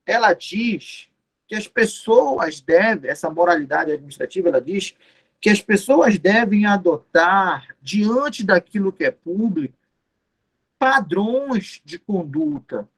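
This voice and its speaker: A man's voice: high voice, lively intonation, unhurried, fairly bright tone. A man giving an exam-prep law lecture, explaining step by step, repeating key terms and answering his own questions. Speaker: law teacher.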